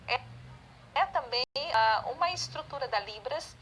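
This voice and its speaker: A woman's voice: high-pitched, animated, measured pace, a bit bright, a little hiss or hum, low-quality recording. A Brazilian woman teaching a class, explaining step by step and checking in with "tá?" and "né?". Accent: Brazilian Portuguese. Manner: explanatory, frequent checking tags like "tá?" and "né?". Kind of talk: online class lecture.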